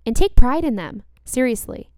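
A woman's voice: on the high side, animated, normal speed, a little mellow, clean tone, no room sound, clean studio sound. A woman hosting a self-help show, speaking earnestly and emphatically straight to the listener, repeating key phrases for weight. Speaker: podcast host. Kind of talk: motivational self-help talk, addressing the listener directly.

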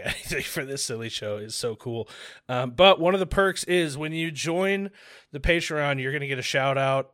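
A man's voice: medium pitch, a bit bright, dry recording. Casual man hosting a podcast, dry close sound. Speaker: podcast host.

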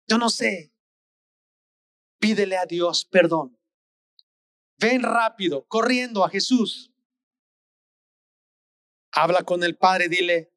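Preacher, male, high voice, slow and earnest, exhorting, dry sound. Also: pushed and bright, dry recording. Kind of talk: sermon.

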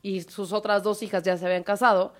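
A woman's voice: medium pitch, level tone, fast. A young woman with a Mexican accent retelling a myth in casual, joking, profanity-laced chat. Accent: Mexican Spanish.

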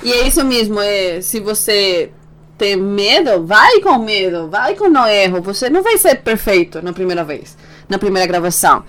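A woman's voice: medium pitch, very animated, normal speed, fairly bright tone. Encouraging woman hosting a podcast. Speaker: podcast host.

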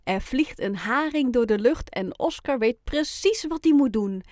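A woman reading a children's storybook aloud, with gentle, lively storytelling and clear phrasing. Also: a little high, unhurried, dry recording, clean studio sound. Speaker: audiobook reader.

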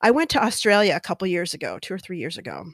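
A young adult woman from California with a chatty, animated manner, stretching words and dipping into whispers. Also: lowish voice, fast, no echo, studio quality. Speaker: host. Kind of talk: casual monologue.

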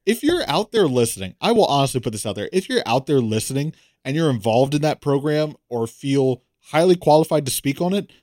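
A man co-hosting a casual chat podcast, talking in an animated, jokey way. His pitch sits in the middle and he breaks into playful voiced asides. The sound is dry and close, with no room around it. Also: fairly quick, hardly any pauses, no echo. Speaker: podcast co-host.

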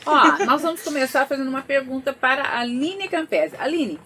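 A woman's voice: high voice, lively intonation, fairly quick, sharp tone, slight background noise. A woman hosting a talk show, asking questions in a friendly, curious way. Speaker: host. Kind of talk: casual talk show chat.

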